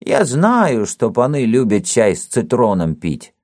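A man's voice: medium pitch, wildly swooping pitch, a little slow, a little mellow, dry recording, clean studio sound, heavily acted. A man voicing an older, toothless male church watchman who mumbles and rambles deferentially in folksy speech. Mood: chatty. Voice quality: mumbling, lisping.

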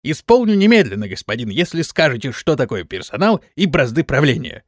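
A man's voice: medium pitch, very animated, fairly quick, no room sound, clean studio sound. A man voicing a polite male orc steward who speaks formally and deferentially.

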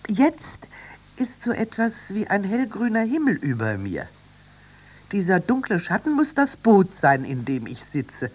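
Reader putting on a high, bubbly young girl, wide-eyed and chattering, children's radio story. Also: wildly swooping pitch, a little slow. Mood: excited. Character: excitable young girl, brother's sister.

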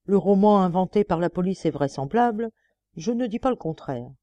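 A woman's voice: lowish voice, animated, moderate pace, mellow, no room sound, muffled recording, natural voice. A woman reading the part of a defiant, ironic male murder suspect under questioning. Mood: scornful. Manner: mocking, then indignant pleading.

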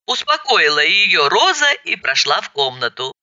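A woman's voice: on the low side, sing-song, normal speed, bright, forceful tone, dry recording, dull audio. A woman narrating a first-person story aloud, expressively acting out the dialogue.

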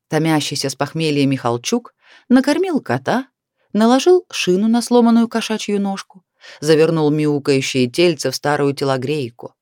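A woman reading a story aloud as narrator in an expressive storytelling manner. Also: deep voice, no room sound, studio quality. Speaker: audiobook narrator. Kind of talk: scripted narration.

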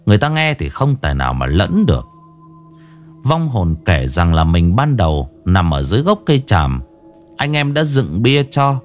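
A man's voice: deep voice, very animated, moderate pace, faint music behind. A man narrating a ghost story in a dramatic, ominous storytelling manner. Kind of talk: scripted horror story narration.

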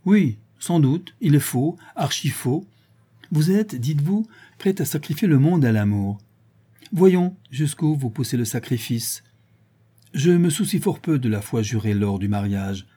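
A man's voice: a little high, lively intonation, unhurried, mellow, husky, voice pushed up. A man reading an audiobook voices a proud, scornful woman who teases her suitor. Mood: mocking. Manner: scornful and teasing. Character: mocking, proud, worldly signora, woman.

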